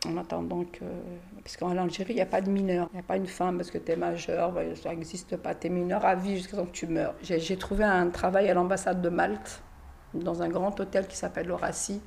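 A middle-aged woman from France recounting her own life story, acting out what others said and sometimes dropping to a hush. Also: on the low side, little pitch movement, brisk, gravelly. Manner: acts out quoted dialogue in her story, drops to hushed asides. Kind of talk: personal storytelling.

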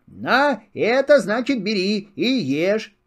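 A cheerful little bunny boy in a children's storybook, eager and a bit boastful, voiced by an older man. The pitch bounces widely and the pace is slow. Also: very animated, fairly bright tone, exaggerated voice. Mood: explaining.

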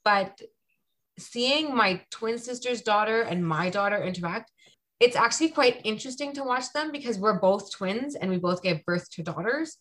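A woman in her thirties from Toronto, chatting casually as a podcast guest with lots of ums and quick asides. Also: mid-range voice, expressive, fairly bright tone. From Canada (Toronto). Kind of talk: casual conversation.

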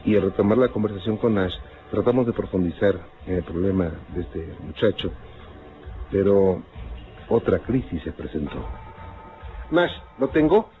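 Low-voiced male radio host, measured and calm, narrow radio band, music underneath. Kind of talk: radio call-in show. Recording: phone-like archive radio with music.

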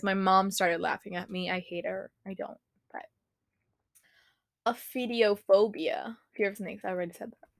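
A woman's voice: medium pitch, no echo, clean studio sound. A young woman hosting a casual solo podcast, giggling and swearing freely as she reads a list aloud and reacts to it. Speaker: podcast host.

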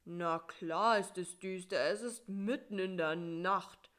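Woman doing a gruff grumpy spider. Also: lowish voice, slow pace. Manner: gruff, loud and indignant. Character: grumpy, sleepy male spider. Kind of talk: storybook reading.

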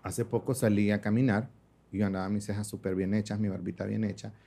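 A man's voice: on the low side, quick pace, vocal fry. A young man, chatting as a makeup artist guest and acting out the voices in his stories. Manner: animated storyteller, acts out quoted voices, laughs often. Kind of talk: casual conversational interview.

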